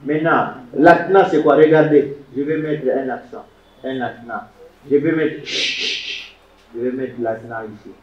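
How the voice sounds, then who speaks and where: Slow, animated teacher in an echoey classroom. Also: male voice, mid-range voice. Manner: animated, emphatic teacher pronouncing Hebrew words syllable by syllable. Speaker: Hebrew teacher. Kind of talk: classroom lecture. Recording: echoey room, distant mic, dull lo-fi sound.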